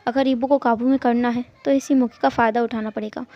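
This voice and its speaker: A woman's voice: a little high, fairly even intonation, fairly quick, no echo. A woman narrating a fan-fiction story in a casual, chatty way, with asides to her listeners. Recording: muffled lo-fi recording.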